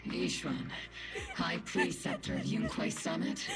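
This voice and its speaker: A man voicing a calm, reassuring officer in measured video game dialogue. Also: very high-pitched, creaky, loud music behind the voice, heavily acted.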